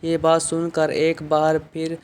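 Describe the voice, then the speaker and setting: A man narrating a drama episode recap, reading the quoted lines in the same even tone. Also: a little high, clean tone.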